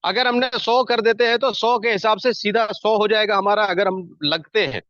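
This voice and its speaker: A man's voice: high voice, moderate pace, a bit bright, no room sound. A man giving a persuasive, repetitive motivational talk as a network marketing team leader. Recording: dull, dry lo-fi sound.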